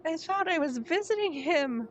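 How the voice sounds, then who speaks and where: A woman's voice: very high voice, animated, moderate pace, a little hiss or hum, voice pushed up. A woman voicing an earnest, grieving but determined young boy in a video game, sounding plaintive and sincere. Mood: hurt, upset.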